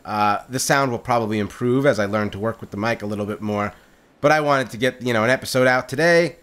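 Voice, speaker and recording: Speaking loudly at medium pitch, an upbeat gamer guy runs casual solo commentary on his channel's gameplay. He's chatty and leans on frequent fillers and repeated words, recorded through a condenser microphone on a boom.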